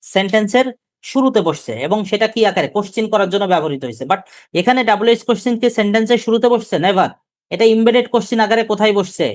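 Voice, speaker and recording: A high-pitched man lectures on grammar live, with a Bangladeshi Bengali accent. He keeps posing questions to the class and goes over key terms slowly, recorded at studio quality with no room sound.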